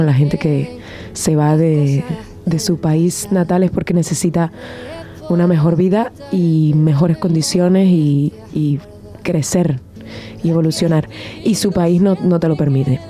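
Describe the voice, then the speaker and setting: A woman with a Venezuelan accent, speaking thoughtfully in a casual interview, pausing and restarting as she searches for words. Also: lowish voice, warm tone. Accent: Venezuelan Spanish. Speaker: band member and guest.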